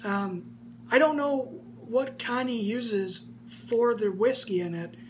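A man's voice: very high-pitched, slow pace. Enthusiastic young man reviewing casually. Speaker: snus reviewer. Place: small room indoors. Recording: faint background hum.

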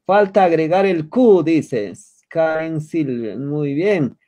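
A man teaching an online language class over a video call, patiently repeating words slowly for his students. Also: fairly high pitch, lively intonation, dark tone.

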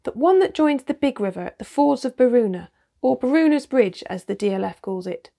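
A woman's voice: a little high, animated, brisk, creaky, voice pushed up. A woman reading a firm young king. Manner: firm, slightly sharp. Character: steady eldest brother, a young king.

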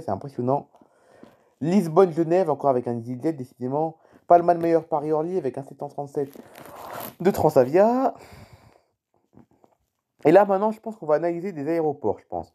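Very dark-voiced French man narrating flights. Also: a little high. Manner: reads out cities and planes, chatty asides to viewers; puzzled by unfamiliar place names. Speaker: YouTuber commenting on flight tracking. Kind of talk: casual screen-recording commentary.

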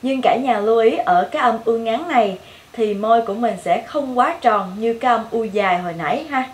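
A young woman with a Vietnamese accent teaching English pronunciation, modeling each sound clearly and repeating every word several times. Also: a little high, a little fast, echoey room. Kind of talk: pronunciation lesson with repeated drill words.

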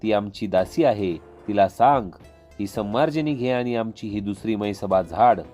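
A man's voice: fairly low pitch, unhurried, dark tone, faint music behind, lightly acted. A man voicing an arrogant young prince who gloats and barks orders in a harsh, commanding way. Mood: gloating, commanding.

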